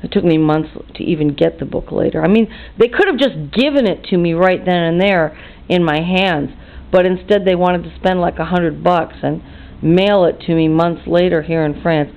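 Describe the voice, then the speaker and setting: A woman's voice: on the low side, moderate pace. Tired, indignant American woman, fifties, chatty vlog rant, lo-fi phone-quality sound. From United States. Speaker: vlogger. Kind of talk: casual monologue rant. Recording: tinny phone-like audio.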